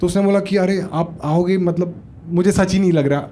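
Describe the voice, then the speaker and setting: A man from Maharashtra, India, speaks in a high-pitched yet dark, steady voice at a moderate pace during a stand-up set with crowd work. On a comedy club stage, he tells a chatty story amid audience laughter, with a little hiss or hum in the recording.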